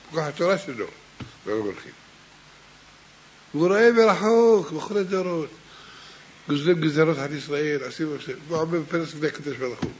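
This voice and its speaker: A man preaching a Torah sermon and telling a parable, swinging between hushed and raised delivery, addressing his listeners directly. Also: on the high side.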